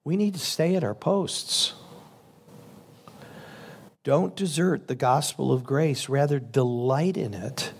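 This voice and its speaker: A man's voice: mid-range voice, slow, long pauses, breathy edge. A man preaching a sermon as a pastor, in a conversational, earnest way.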